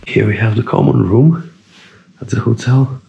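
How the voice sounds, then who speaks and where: A man in his thirties filming a casual travel vlog, chatty and relaxed, with self-deprecating asides, recorded on a handheld camera mic. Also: medium pitch, moderate pace, vocal fry, slightly rough, dull audio. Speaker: travel vlogger. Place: indoors in a hostel, then outdoors in snowy streets and on a bus.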